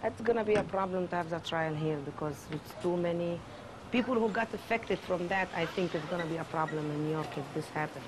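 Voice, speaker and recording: A woman answering a street interviewer in a thoughtful, slightly halting way. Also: fairly low pitch, background noise. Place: outdoors on a city street.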